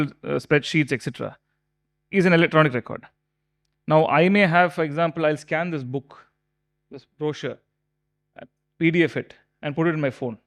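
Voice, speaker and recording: A man giving a lecture to professionals, explaining slowly and emphatically with repeated examples. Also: a little high. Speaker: speaker at a tax law seminar. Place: hotel conference hall.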